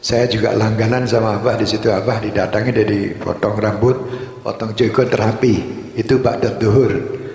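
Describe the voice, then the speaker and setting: Gravelly, flat-voiced man in a hall. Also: on the low side, normal speed. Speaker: religious singer and host of the gathering. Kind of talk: speech at a religious gathering. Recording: echoey hall with long reverb.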